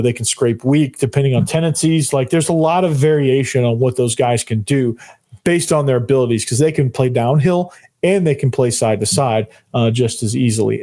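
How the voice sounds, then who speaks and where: A male sports podcast host breaks down football in an informal, conversational way. His voice is hoarse and nearly spent, with a dark, mellow tone at a middling pitch. He often repeats phrases to drive a point home. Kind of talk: solo football analysis commentary.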